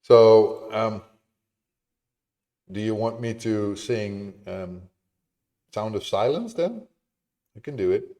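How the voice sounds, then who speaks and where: A man's voice: on the low side, expressive, slow, long pauses, dark tone. A man chatting casually with his live-stream viewers in a chatty, apologetic, easily amused way. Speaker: game dev streamer.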